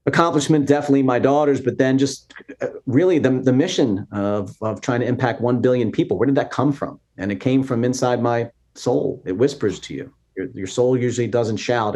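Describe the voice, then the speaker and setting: A man in his fifties speaks as a podcast guest, his voice sitting on the low side. He talks earnestly and in an inspirational way, in a relaxed interview manner. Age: 50s. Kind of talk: casual interview talk.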